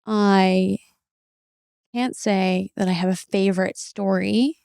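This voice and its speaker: A woman podcast host and fertility acupuncturist, talking in an animated, dramatic, joking way with her guest. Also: mid-range voice, slow, vocal fry, clean tone, dry recording, clean studio sound. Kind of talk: casual podcast conversation.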